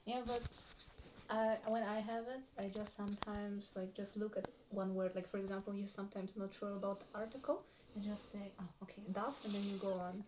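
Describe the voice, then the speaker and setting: A woman with a mid-range voice and fairly even intonation talks briskly over a noisy background. She's chatting casually with friends, giving them feedback, reassuring them and explaining at length with plenty of "like" fillers.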